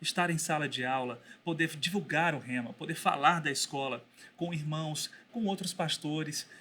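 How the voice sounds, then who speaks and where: A man speaking as a podcast guest and teacher, telling a story in a thoughtful way with pauses and restarts. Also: fairly high pitch, sharp tone, slight background noise. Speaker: guest, Bible school teacher. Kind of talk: casual podcast conversation.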